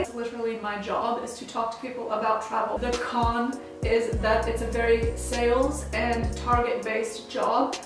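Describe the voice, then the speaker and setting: A young American woman in her twenties, a travel vlogger, chats upbeat to camera in a small indoor room at home, laughing easily and using plenty of casual fillers like "like." Her voice is a little high, very echoey, and recorded from a distance.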